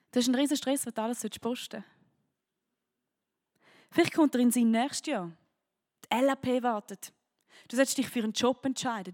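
A woman with a Swiss German accent delivers a sermon in a bright, high voice. She tells the story vividly and keeps turning to her listeners as if chatting with them. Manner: lively storytelling, speaks directly to listeners. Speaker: preacher. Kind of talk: sermon to a young audience.

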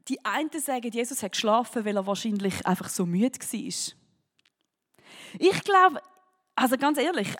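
A woman with a Swiss German accent delivers a sermon in a bright, high voice. She tells the story vividly and keeps turning to her listeners as if chatting with them. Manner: lively storytelling, speaks directly to listeners. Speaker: preacher. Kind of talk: sermon to a young audience.

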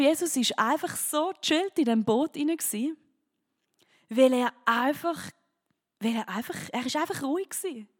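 A woman with a Swiss German accent preaching a sermon to a young audience, telling a story in a lively way and speaking directly to her listeners. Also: sits high.

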